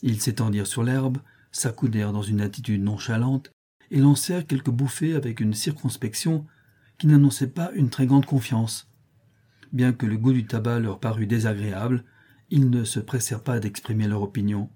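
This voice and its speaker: Husky, dark-voiced male narrator. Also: medium pitch, moderate pace. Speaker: audiobook narrator. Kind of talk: scripted narration.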